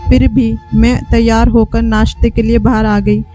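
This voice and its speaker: A woman narrating an emotional first-person story in a calm, measured way. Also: on the high side, faint music behind.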